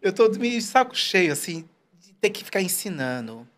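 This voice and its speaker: Interview guest, man, 40s, animated storyteller, swinging pitch, acts out quoted speech. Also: moderate pace. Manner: animated, storytelling, quotes people in put-on voices. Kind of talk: casual interview conversation.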